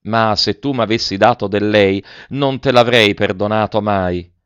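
A man's voice: on the low side, measured pace, a bit bright, smooth, dry recording, muffled recording. A man reading aloud and voicing an awkward, modest young man who speaks hesitantly. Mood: bashful. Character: bashful young man, awkward and tongue-tied.

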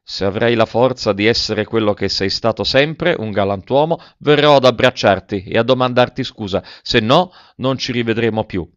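A man's voice: medium pitch, moderate pace, few pauses, dry recording, muffled recording, natural voice. A man voicing a stern, cold man who reproaches his friend firmly. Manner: firm, reproachful.

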